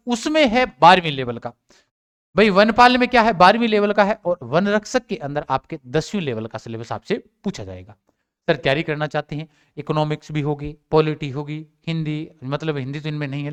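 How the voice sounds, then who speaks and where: Guy teaching exam prep, kinda high voice, smooth and clear, asks himself questions then answers. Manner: asks his own questions and answers them, repeats points. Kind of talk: casual exam update talk to students.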